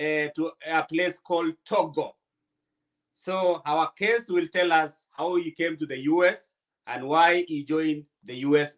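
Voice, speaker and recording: A man's voice: on the high side, a bit bright. A man hosting a casual interview, putting simple questions to a guest. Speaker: interview host.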